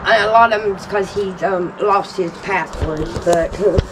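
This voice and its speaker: A woman's voice: mid-range voice, moderate pace. Heartbroken mother, distant. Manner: pleading, scolding, heartbroken. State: upset and near tears. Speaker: suspect's mother. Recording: distant mic with loud background noise.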